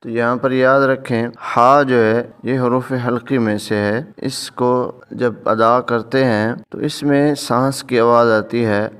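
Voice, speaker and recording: Flat-voiced man teaching tajweed. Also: medium pitch, clear, resonant tone. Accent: Pakistani Urdu. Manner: patient, spells out letters slowly and recites in a drawn-out chant. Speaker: Quran recitation teacher. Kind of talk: word-by-word tajweed lesson.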